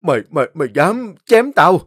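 A man's voice: mid-range voice, lively intonation, quick pace, no echo, studio quality, close to an everyday voice. A man voicing a drunk, insistent ex-husband. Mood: enraged. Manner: insistent, pleading.

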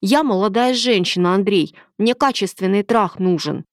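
A woman's voice: mid-range voice, moderate pace, no room sound, clean studio sound, natural voice. A woman reading aloud, voicing a pushy, scheming young woman of thirty who talks in an insistent, demanding way.

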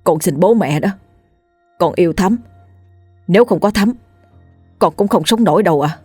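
A determined young man begging his parents, insistent and earnest, voiced by a woman reading the story aloud. The delivery is low and dry. Soft music plays under it. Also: moderate pace, husky, no room sound. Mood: pleading. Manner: pleading, insistent. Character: determined grown son pleading with parents.

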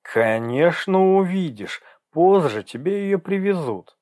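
A man reading an audiobook, voicing a calm middle-aged woman doctor who speaks in a soothing, reassuring way. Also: high-pitched, takes it slowly, dry recording, pitched above the performer's own voice.

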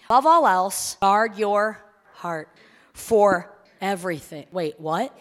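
A woman in her forties, a pastor giving a conversational sermon in a church, turning excited when she announces news. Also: mid-range voice. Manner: warm conversational preaching, rising to excited announcements. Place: church sanctuary. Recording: long hall reverb.

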